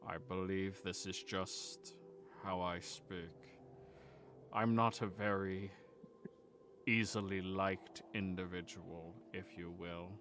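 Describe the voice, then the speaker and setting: Guy doing a creepy lanky last-of-his-kind game character, throaty and phlegmy, low slow voice, oddly friendly. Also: fairly even intonation, a little hiss or hum. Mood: creepy, guarded. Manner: creepy, soft-spoken, slow and deliberate. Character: creepy lanky male last survivor of a dead race, quietly friendly.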